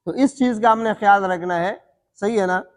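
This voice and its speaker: A man teaching Quran recitation rules, asking his students questions and answering them himself, and stretching out letter sounds to show them. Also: sits high. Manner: demonstrates letter sounds slowly. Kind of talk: tajweed lesson. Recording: long hall reverb.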